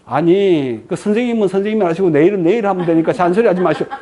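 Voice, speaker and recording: A woman's voice: lowish voice, fast. A woman giving a lecture, asking the audience frequent questions and answering them herself. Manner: lively rhetorical questions to the audience.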